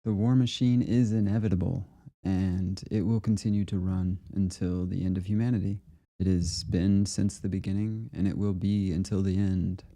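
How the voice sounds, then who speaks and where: A man with a low, very dark and mellow voice talks through clips in a loose, rambling way. He fills his thoughts with "uh" and "you know" and keeps a laid-back, casual tone. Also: normal speed. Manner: rambling and relaxed, with fillers and laughs. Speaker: host of a conspiracy video series. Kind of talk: casual commentary reacting to clips.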